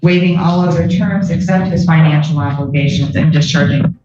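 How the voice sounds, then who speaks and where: A woman's voice: sits low, steady tone, normal speed, warm tone, soft background music. A woman probation officer heard on a courtroom recording, reading a formal report with frequent ums and uhs. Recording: muffled, echoey courtroom recording from far off.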